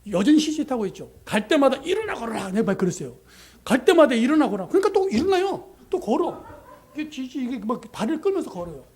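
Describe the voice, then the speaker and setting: A middle-aged man preaching as a pastor, telling a story with animated delivery and acting out the prayers and dialogue in it. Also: very high-pitched, fast. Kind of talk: sermon with storytelling.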